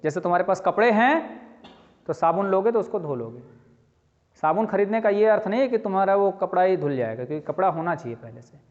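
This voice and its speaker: A man teaching a lively lesson, explaining with spoken examples and asking his students questions as he goes. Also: high voice, a little fast. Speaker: English teacher. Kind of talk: classroom-style lecture. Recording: dull lo-fi sound with long reverb.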